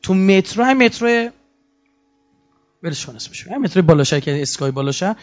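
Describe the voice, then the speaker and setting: A man's voice: high voice, soft background music. A man giving a lecture, telling stories and acting out the quotes. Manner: animated storytelling with acted-out quotes. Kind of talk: anecdotal lecture. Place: lecture hall. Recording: muffled lo-fi lecture recording.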